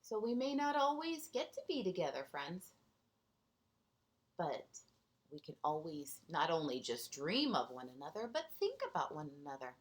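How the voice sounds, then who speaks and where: A female teacher with a voice on the low side shares a picture book with young children, reading aloud and pausing softly to make casual comments and pose questions to her audience.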